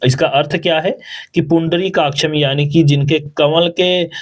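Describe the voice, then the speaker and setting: A man's voice: on the high side, fairly even intonation, unhurried. A man teaching the correct pronunciation of a verse. He breaks words into syllables and asks the listener to repeat after him. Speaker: spiritual teacher. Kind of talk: pronunciation drill for a chant.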